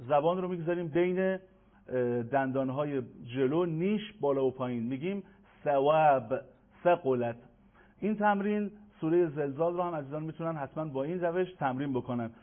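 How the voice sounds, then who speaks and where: A man teaching Quran pronunciation in a televised lesson, patient and formal, addressing viewers politely and slowing down to chant verses. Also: a little high. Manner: slows to chant Arabic verses. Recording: tinny phone-like broadcast sound.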